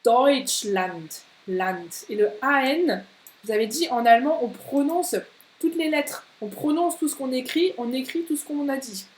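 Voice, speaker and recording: A woman teaching German in a live online lesson, saying German words slowly and clearly and reading out viewers' comments. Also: high voice, roomy sound, rough recording. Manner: switches between French and slow, clearly spoken German, reading viewers' comments.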